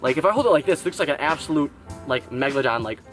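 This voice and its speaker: An excitable young man with a somewhat high voice talks to his camera while fishing at a pond outdoors. He exclaims often and sounds hot and sweaty in the heat. Faint music plays underneath. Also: very fast. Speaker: fishing vlogger. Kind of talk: casual vlog talk to camera. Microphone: action camera.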